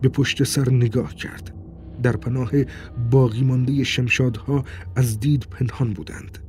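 A man narrating an audiobook in a steady, tense storytelling voice. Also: medium pitch, soft background music. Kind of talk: scripted narration.

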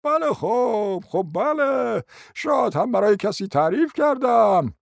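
A man's voice: extremely high pitch, animated, creaky, no echo, studio quality, heavily acted. An actor playing a confused, forgetful old prince in a radio play, stammering and repeating his fillers. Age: older.

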